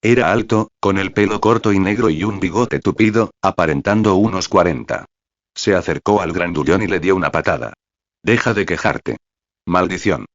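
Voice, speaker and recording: A man narrating a fan-fiction novel in the first person, in a steady read-aloud manner. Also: low voice, a little fast, no room sound. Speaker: novel reader. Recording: dry, slightly dull recording.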